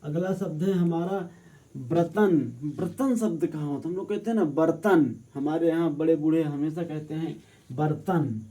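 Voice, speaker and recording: A man teaching correct spelling for exam preparation, slowly spelling each word out. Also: a little high, warm tone. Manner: slow, drawn-out word by word correction. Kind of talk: spelling lesson for exam prep.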